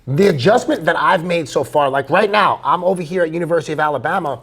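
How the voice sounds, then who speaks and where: Gravelly, higher-pitched man, rambling interviewer. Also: fast, fairly bright tone. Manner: rambling, long wind-up questions. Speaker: interviewer, high school baseball coach. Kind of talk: casual interview chat.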